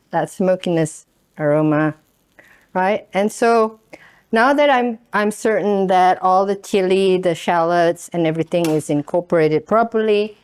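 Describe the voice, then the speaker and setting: A woman's voice: on the low side, a little mellow, smooth. A woman hosting a cooking show, chatting through the steps as she cooks and often checking in with "right?". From Indonesia. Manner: chatty, keeps asking "right?". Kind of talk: cooking demonstration. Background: sizzling pan.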